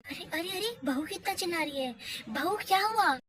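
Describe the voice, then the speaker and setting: A woman voicing an anxious middle-aged mother-in-law who calls out loudly and repeats herself. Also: extremely high pitch, animated, moderate pace, pitched above the performer's own voice. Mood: alarmed. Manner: loud, repeats calls in alarm. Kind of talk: hobby doll mini-movie voice acting. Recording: noisy home recording.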